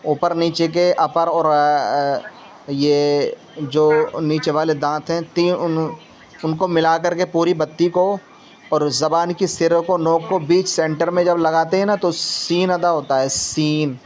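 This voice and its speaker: A man teaching Quran reading in a tajweed lesson. He explains slowly, keeps tagging his sentences with a little "na", and says each letter sound over and over for the learner. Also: fairly high pitch, little pitch movement, a little hiss or hum. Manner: leans on the filler tag "na" while explaining.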